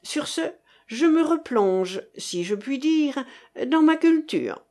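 A woman's voice: high voice, animated, slow pace, mellow, pitched above the performer's own voice. A woman voicing a tall bearded young man student who teases his friends. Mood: teasing.

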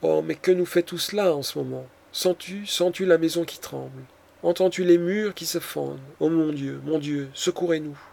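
A man's voice: fairly high pitch, normal speed, gravelly, darkish tone. A man reading the part of a frightened nobleman, a count, in an audiobook, with frantic, anguished delivery. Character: terrified panicking nobleman, a count.

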